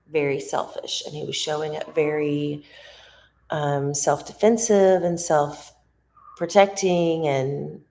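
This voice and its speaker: Woman, vlogger mom, low voice, unhurried, rambling and heartfelt, casual vacation vlog. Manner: rambling, heartfelt, searching for words. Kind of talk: casual reflective vlog talk. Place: at a resort on vacation.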